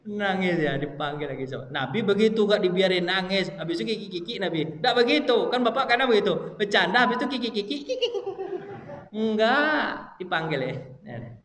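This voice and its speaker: A man preaching at a mosque study session, lively and keeps addressing his listeners directly. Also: high-pitched, brisk. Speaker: Islamic preacher. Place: mosque hall. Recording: echoey hall, faint ambience.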